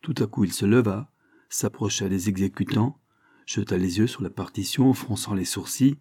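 A man narrates a classic story in a steady, measured reading voice. His voice sits low and sounds mellow. The recording is close and dry. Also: breathy edge, no echo. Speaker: audiobook narrator. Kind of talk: scripted narration.

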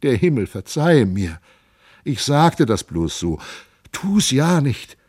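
A man voicing a fretful woman in labour, with a plaintive, wailing delivery pitched well above his own voice. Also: very animated, slow, darkish tone, husky, dry recording, clean studio sound, full character voice. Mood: plaintive complaining.

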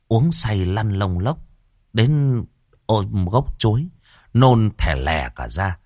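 A man's voice: deep voice, husky, no echo, clean studio sound. A man narrating a comic ghost story in a dramatic, colloquial way.

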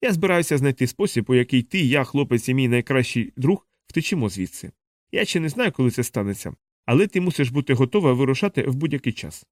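A man's voice: mid-range voice, expressive, fast, dry recording, clean studio sound, close to an everyday voice. A man reading an audiobook, voicing a curt male army deserter who whispers tersely and urgently. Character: stern male deserter messenger, curt and secretive.

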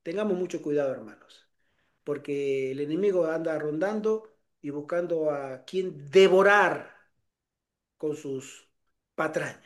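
High-voiced animated man preaching. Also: measured pace. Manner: animated storyteller acting out voices. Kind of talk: sermon with personal anecdote.

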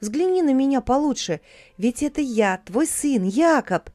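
A woman voicing a gentle, bewildered young boy who pleads anxiously. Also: on the high side, animated, a little slow, no room sound, pitched above the performer's own voice. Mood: anxious pleading.

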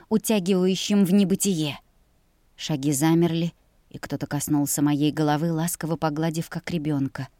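A woman's voice: fairly low pitch, mellow, no room sound, clean studio sound. A woman reading a first-person fantasy audiobook as narrator, with a dramatic and emotive delivery.

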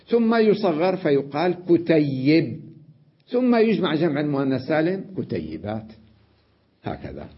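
A man teaching an Arabic grammar lesson, explaining step by step, checking in with his students and pausing on drawn-out fillers. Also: fairly high pitch, big pitch swings, breathy edge. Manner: explains step by step, often asks "تمام؟" and adds "نعم"; drawn-out "آه" fillers between points. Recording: dull lo-fi lesson recording.

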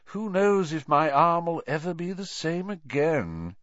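A man's voice: mid-range voice, sing-song, a little slow, a bit bright, no room sound, pitched above the performer's own voice. A sneering, spoiled teenage schoolboy, as a male reader puts him on, with a raised, mocking voice. His tone swoops with smug taunts, and the sound is dry and slightly dull. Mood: mock sorrow.

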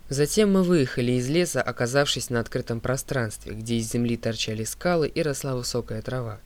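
A man reading an audiobook as narrator, in a steady, clear voice that drops low on speaker tags. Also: fairly quick. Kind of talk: scripted narration.

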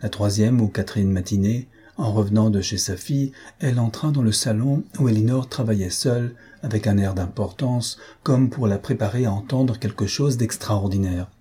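A man narrating a classic novel as an audiobook, in a calm and even storytelling manner. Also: on the low side, normal speed, few pauses, slightly rough.

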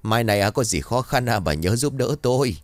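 A man's voice: medium pitch, expressive, a little fast, no echo, pitched above the performer's own voice, natural voice. A man voicing a gossipy, sneering middle-aged village woman.

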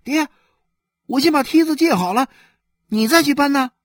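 A man voicing a stubborn yet devoted young boy who calls out loudly and quickly, well above his own pitch. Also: sing-song, slightly rough, no echo, studio quality, heavily acted. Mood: eager.

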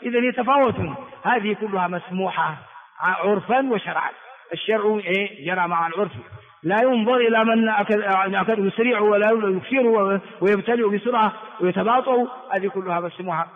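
Male lecturer, high voice, repeats words for students, phone-thin sound with hall echo. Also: a little fast. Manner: repeats words for students, asks rhetorical questions. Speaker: Islamic scholar teaching a hadith text. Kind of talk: classroom lecture on hadith and grammar. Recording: tinny phone-like echoey hall recording.

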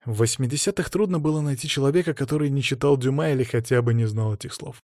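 A man narrating a story in the first person with an even, ironic tone. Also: medium pitch, fast talker, no echo, clean studio sound. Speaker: audiobook narrator.

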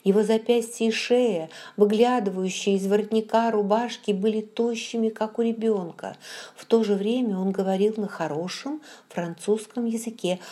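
A woman narrating an audiobook in the first person, with calm, measured storytelling. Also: mid-range voice.

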